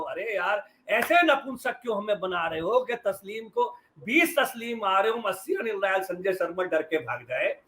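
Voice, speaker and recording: This middle-aged man from western Uttar Pradesh, India, has a very high-pitched, sharp voice. Sitting on a debate panel as a journalist, he delivers sarcastic, emphatic political commentary.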